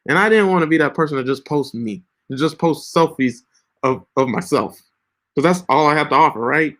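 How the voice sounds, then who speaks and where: A slightly high, fairly bright male voice moves briskly as he gives casual, sermonizing social media advice. He's in his late twenties, and his talk is riddled with fillers and restarts, recorded via screen share.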